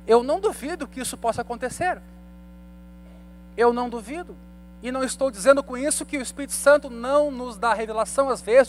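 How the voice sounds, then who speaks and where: A man's voice: extremely high pitch, a little hiss or hum. A man in his thirties, a pastor giving a conversational Bible study sermon and asking the congregation rhetorical questions. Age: 30s.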